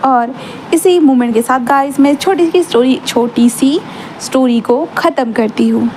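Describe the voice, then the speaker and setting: A woman's voice: high-pitched, a little slow, darkish tone, a little hiss or hum, rough recording. A woman casually narrating a fan fiction story, rambling and mixing in English words.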